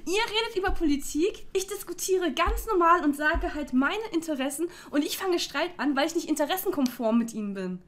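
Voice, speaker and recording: A woman's voice: extremely high pitch, expressive, fairly quick, few pauses, fairly bright tone. A young woman in her twenties venting to her viewers in a casual, heated vlog rant. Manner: heated, exasperated ranting; talks directly to viewers. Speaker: YouTuber.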